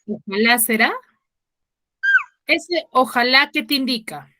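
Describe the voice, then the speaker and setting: A woman's voice: high-pitched, animated, slow pace, background noise. A woman teacher giving an online class over a video call, explaining patiently and often checking in with her students.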